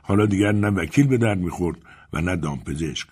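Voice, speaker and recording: Male audiobook narrator, husky and lowish, measured pacing. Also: animated, a little mellow. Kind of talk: scripted narration.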